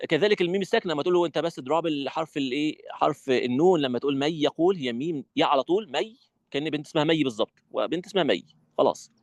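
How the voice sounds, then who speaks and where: A man with an Egyptian accent teaches recitation to fellow teachers at a rapid clip, his voice sitting a little high for a man. He speaks with animated, demonstrative energy, and the dry, close sound has no room echo. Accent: Egyptian Arabic. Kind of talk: online teacher training lesson.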